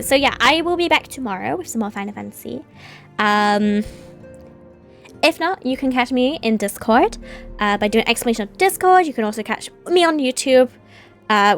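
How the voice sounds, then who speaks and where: A woman's voice: on the high side, lively intonation, fairly quick, soft background music. A woman live streamer chatting casually to her viewers in a playful, rambling, giggly manner.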